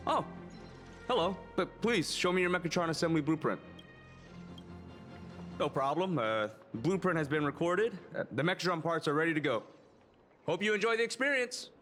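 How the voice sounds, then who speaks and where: A man's voice: a little high, expressive, moderate pace, pauses often, a bit bright, soft background music. A man playing a polite, stiffly helpful attendant in a video game, talking as if through a closed mouth. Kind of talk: scripted video game acting.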